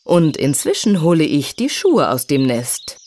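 A woman voicing a kind male forest elf who speaks slowly and soothingly. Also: low-pitched, big pitch swings, darkish tone, a little hiss or hum. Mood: gentle.

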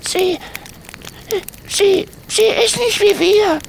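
A man's voice: very high voice, extremely slow, creaky, a little hiss or hum, voice pushed up, full character voice. A man voicing a young, embarrassed gnome boy who stammers. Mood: sheepish.

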